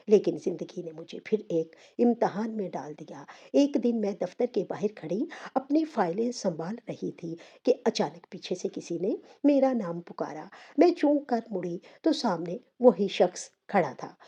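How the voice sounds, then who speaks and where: A woman's voice: medium pitch, mellow, husky, highs cut off. A woman narrating an emotional, sad first-person story in a heartfelt way.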